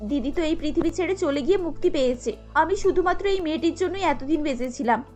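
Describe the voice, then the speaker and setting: A woman doing a high-voiced scheming sister. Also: expressive, quick pace, a little mellow, soft background music. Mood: remorseful. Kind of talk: cartoon story voice acting.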